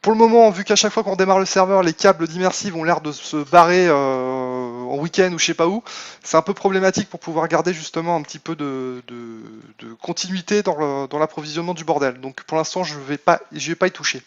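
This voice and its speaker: Man, game streamer, fairly high voice, chatty, lots of fillers, dull lo-fi mic. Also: brisk. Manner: chatty, thinks aloud with many fillers, reads chat aloud. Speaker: Minecraft modpack streamer. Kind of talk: casual live let's play commentary.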